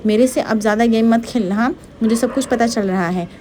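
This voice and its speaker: A woman voicing a hot-tempered, blustering young husband in a quick Hindi serial retelling. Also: a little high, mellow, a little hiss or hum, close to an everyday voice. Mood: angry.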